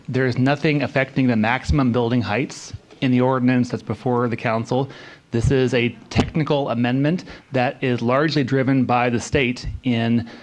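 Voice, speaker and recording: A man's voice: mid-range voice, poor audio. A male city staff member giving formal, precise answers to a council.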